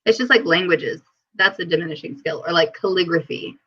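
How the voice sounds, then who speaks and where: A woman's voice: fairly low pitch, a little fast, breathy edge. A woman hosting a casual livestream chat, giggly and talkative, reading viewer comments aloud. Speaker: livestream host. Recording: dull lo-fi stream audio.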